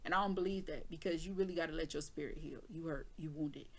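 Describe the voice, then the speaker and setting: A woman's voice: low voice, fast talker. Frank, joking woman tarot reader. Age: adult with children. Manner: candid, joking, with frequent laughs and mild swearing. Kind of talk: casual chatty tarot reading.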